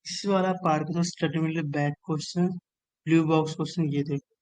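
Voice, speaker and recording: High-voiced man drilling exam tips. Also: fairly even intonation, brisk, darkish tone, low-quality recording. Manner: repetitive, drilling phrases over and over, coaxing. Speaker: exam-prep teacher. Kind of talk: casual online exam-strategy lesson.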